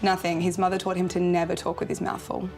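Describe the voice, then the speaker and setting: A woman's voice: lowish voice, little pitch movement, fast, darkish tone, soft background music. A woman telling crude dad jokes as a contestant, asking the setup and then giving the punchline. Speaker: contestant in a try-not-to-laugh joke challenge.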